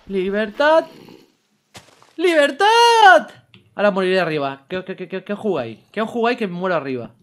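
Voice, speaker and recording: Spanish-accented male gamer, high voice, big swings; mutters, then yells and curses at the game. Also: racing, few pauses. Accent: Spain Spanish. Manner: excitable, swings from muttering to yelled outbursts, swears freely. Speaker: gaming YouTuber. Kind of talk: let's-play gameplay commentary.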